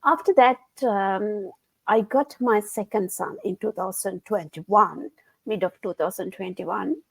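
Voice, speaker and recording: A woman's voice: mid-range voice, a little slow, vocal fry, breathy edge, no echo, poor audio. Guest, woman in her 30s from Sri Lanka. Earnest, dry, plain delivery over a video call. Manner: earnest, non-native phrasing, soft laughs. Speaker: guest, engineer. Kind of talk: casual interview chat. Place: home.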